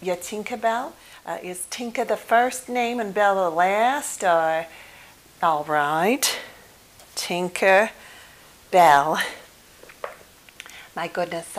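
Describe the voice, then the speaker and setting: Her mid-range, expressive voice hesitates and halts as she plays a polite, patient female psychotherapist in an improvised, one-sided ASMR role play, attentive though mildly flustered. She murmurs gentle acknowledgements, and background hiss is clearly audible.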